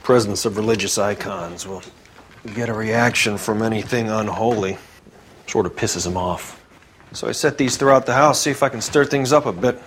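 Casting: male actor for composed male paranormal investigator, horror movie, lowish register, lightly noisy soundtrack. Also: normal speed, natural voice. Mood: calm, dry. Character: calm matter-of-fact male paranormal investigator in a horror film. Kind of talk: film acting. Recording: noisy film audio clip.

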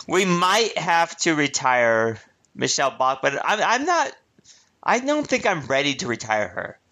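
A man's voice: a little high, sing-song, measured pace, sharp tone. A man co-hosting a casual political chat, quizzing his partner and teasing him with frequent laughs. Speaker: podcast co-host running a quiz.

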